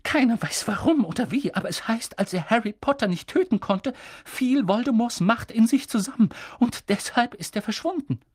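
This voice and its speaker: A man voicing a stern, sharp-tongued elderly female witch professor in an audiobook reading, pushing his voice up high and insistent. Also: lively intonation, normal speed, few pauses, husky, full character voice. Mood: agitated. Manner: insistent, agitated, high strained voice. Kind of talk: audiobook character voice.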